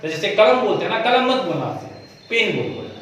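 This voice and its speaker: A man's voice: sits high, big pitch swings, fairly quick, a bit bright, slight background noise. A man teaching English in a classroom, asking the class and having them repeat words. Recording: echoey room, from far off.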